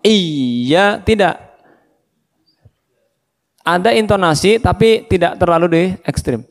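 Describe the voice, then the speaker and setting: A man with an Indonesian accent teaching Quran recitation, drawing out each verse slowly and patiently correcting single syllables in call-and-repeat drills. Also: high-pitched, creaky. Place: mosque hall. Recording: long mosque reverb.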